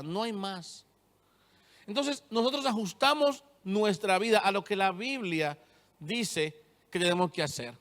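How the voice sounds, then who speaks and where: A man's voice: sits high, a bit bright. A young man preaching a sermon, retelling scripture and driving his points home with firm repetition. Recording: long church-hall reverb.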